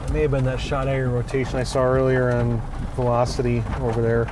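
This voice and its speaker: A man's voice: mid-range voice, monotone, fast. A man spotting storms on a chase, chatting casually in short observations. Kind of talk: casual chat while spotting. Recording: clear vehicle and outdoor noise.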